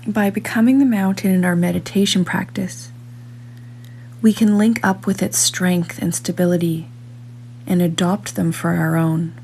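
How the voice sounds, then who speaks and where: A woman reads a scripted guided meditation in a soft-edged, mellow voice that sits a little low and carries some vocal fry. Calm and measured, she leaves long pauses between phrases while a faint noise and hum runs in the background.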